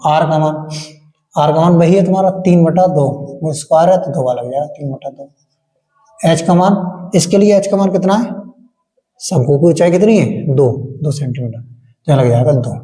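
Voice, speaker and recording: In a hall with long reverb, a male maths teacher with a slightly high, dark voice works through board-exam problems step by step. He poses questions to the class, answers them himself, and chants times tables.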